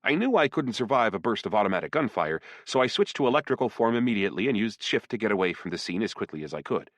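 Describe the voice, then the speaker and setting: A man narrating a first-person dark fantasy audiobook in an expressive storytelling manner. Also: lowish voice, fast talker, no echo.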